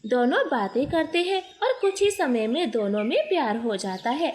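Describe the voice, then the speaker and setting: A woman narrating a storybook cartoon in an expressive storytelling manner. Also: high-pitched, moderate pace, slight background noise. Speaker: narrator and voice of all characters.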